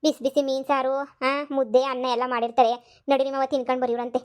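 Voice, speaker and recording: A woman's voice: level tone, fairly quick, darkish tone, clean tone, lightly acted. Woman doing a sweet-talking young village maid. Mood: coaxing. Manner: high-pitched, coaxing and wheedling. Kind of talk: cartoon comedy voice acting.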